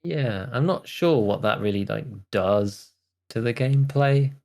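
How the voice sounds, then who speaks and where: A man's voice: mid-range voice, expressive, unhurried, gravelly, a little mellow. A man co-hosting a podcast in casual chat, talking loosely with lots of filler words and restarts. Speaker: podcast co-host.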